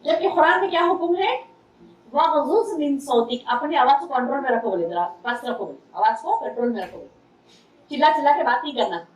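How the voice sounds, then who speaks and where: High-voiced woman preacher in echoey room. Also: expressive, fast. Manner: conversational, repeats key phrases for emphasis. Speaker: religious teacher. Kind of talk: sermon-style religious lecture. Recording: echoey room, distant mic.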